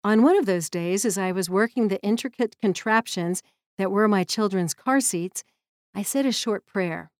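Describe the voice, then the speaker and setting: A woman's voice: medium pitch, moderate pace, a little mellow, no echo, clean studio sound. A woman reading her own memoir aloud in an earnest, reflective manner. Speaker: memoir narrator. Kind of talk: audiobook memoir narration.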